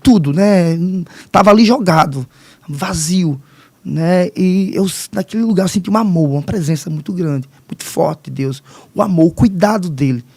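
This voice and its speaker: Gravelly husky man. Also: high-pitched, a little mellow. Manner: halting, emotional storytelling with many restarts. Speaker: podcast guest. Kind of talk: personal testimony in casual conversation.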